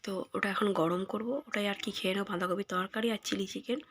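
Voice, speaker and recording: A woman in her thirties with a hoarse voice from a cold, softly narrating her day at home in a casual vlog. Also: mid-range voice, fairly even intonation, a little hiss or hum. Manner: soft and unhurried, with many fillers. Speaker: vlogger. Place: home, indoors.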